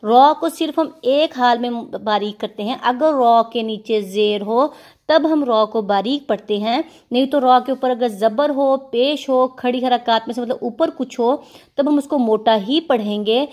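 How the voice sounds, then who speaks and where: A woman teaching Quran recitation rules, explaining patiently step by step and stretching words slowly when she demonstrates sounds. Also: a little high, a little mellow. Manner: patient, explains step by step, repeats "theek hai".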